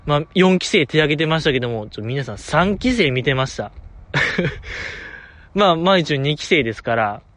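This podcast host, who has a Kansai accent, has a fairly high, bright, very animated voice at a moderate pace as he chuckles through eager fan banter on his solo show. The recording has no echo.

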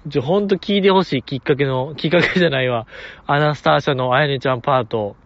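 A man with a Kansai accent hosting a solo podcast, gushing like an excited fan and chuckling often as he talks. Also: on the high side, fast. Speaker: podcast host. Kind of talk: casual solo podcast chat. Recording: dull lo-fi audio.

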